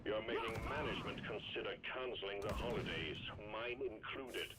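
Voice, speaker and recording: An actor playing a stern, exasperated mission control officer in a video game, officious and emphatic over a radio. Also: male voice, on the low side, moderate pace.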